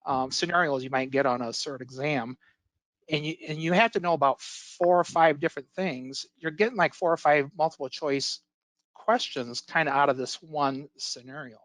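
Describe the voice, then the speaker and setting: An IT instructor gives a casual webinar presentation on a computer mic, his voice slightly hoarse because he's losing it to illness. It's a little high and a bit bright, with many fillers and restarts and no room sound.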